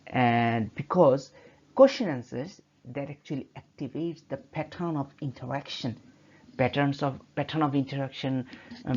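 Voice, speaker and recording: Here is a male teacher whose first language is Bengali, explaining grammar over slides in a middle-pitched voice. He hesitates often and restarts his phrases. The audio is somewhat dull and lo-fi. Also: darkish tone, breathy edge. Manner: hesitant, many fillers and restarts. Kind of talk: narrated slideshow lecture.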